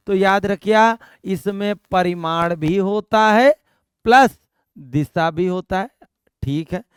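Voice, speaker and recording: A young male physics teacher, speaking in a high, ringing voice. He lectures in an animated way, repeating key points and asking and answering his own questions. The sound is close and dry, with no room echo. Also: clean tone. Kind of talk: classroom lecture.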